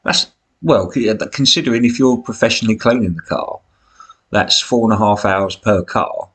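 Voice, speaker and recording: This is a lowish, slightly bright British male voice with a smoker's rasp and the odd cough. At a normal pace, he offers blokey, self-deprecating chatter while live streaming a football management game.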